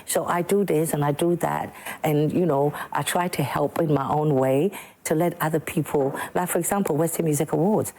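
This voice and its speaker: A musician from Sekondi-Takoradi, Ghana, appears as a guest on a morning TV studio show, feeling a bit slow this morning. Her deep, mellow voice runs at normal speed, and she speaks emphatically, repeating words for stress.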